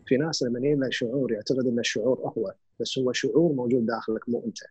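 A man with a Gulf Arabic accent calmly explains emotions and grief, mixing in English words. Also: medium pitch, racing, husky, no room sound. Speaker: guest speaker on grief and emotions. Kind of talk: reflective conversational explanation.

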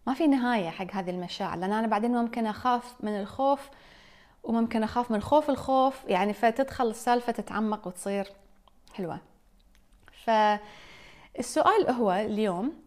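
A woman and mother, talking casually and reflectively to her live stream viewers, putting questions straight to them. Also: medium pitch. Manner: reflective, questioning, addresses listeners directly.

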